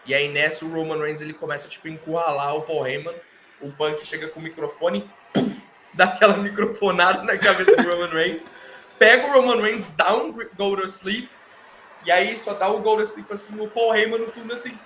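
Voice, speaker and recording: A man with a Brazilian Portuguese accent co-hosting a podcast, retelling events in animated casual chat full of slang and fillers. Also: high voice, a little fast, a little hiss or hum. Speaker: podcast co-host. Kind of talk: casual wrestling recap chat.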